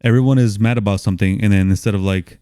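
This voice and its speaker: Podcast dude, mellow dark voice, keeps laughing and cussing while he recaps a movie. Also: fairly low pitch, quick pace, clean tone, no room sound, studio quality. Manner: laughs often, swears, animated retelling. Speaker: podcast co-host. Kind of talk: casual movie chat.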